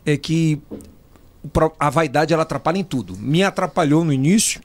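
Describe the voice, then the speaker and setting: A man's voice: fairly high pitch, brisk. A man hosting a podcast, chatting casually and chiming in with short replies. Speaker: podcast host. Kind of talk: casual chat.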